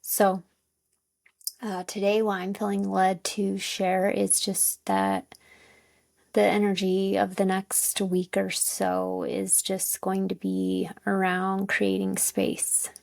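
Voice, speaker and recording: A woman giving a casual guided self-help talk as a coach, informal and tentative as she searches for words, with a creaky voice. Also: medium pitch, slow pace, no room sound. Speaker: wellness coach and host.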